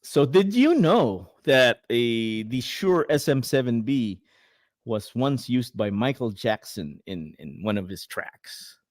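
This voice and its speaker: Speaking slowly in a sing-song, medium-pitched voice, a Filipino-accented man co-hosts a laid-back chat show. He wanders through his points with plenty of fillers, laughing now and then. It's studio quality with no echo.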